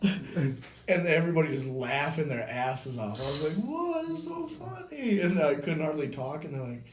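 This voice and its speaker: A man's voice: on the high side, big pitch swings, moderate pace, echoey room, crowd noise. A man telling profane, joking fight stories as a guest in a casual podcast chat. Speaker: podcast guest, MMA referee and comedian.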